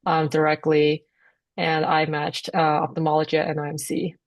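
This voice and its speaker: Woman, 20s, from New York, panelist; deep-ish, dry, casual. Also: completely flat delivery, moderate pace, dry recording. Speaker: panelist, new medical graduate. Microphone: video call.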